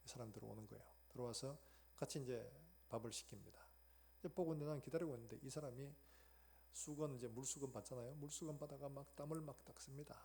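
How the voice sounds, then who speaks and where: A man's voice: medium pitch, quick pace, dark tone, husky. A middle-aged male pastor preaching a sermon, telling a story in a chatty way and acting out the voices of the people in it. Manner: conversational storytelling, acts out quoted voices.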